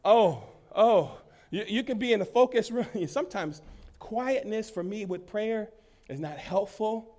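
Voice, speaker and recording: A man preaching a sermon to his congregation as pastor while he has a cold. He swings between loud emphasis and quiet asides and laughs easily. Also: high voice, a little slow. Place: church in front of a congregation.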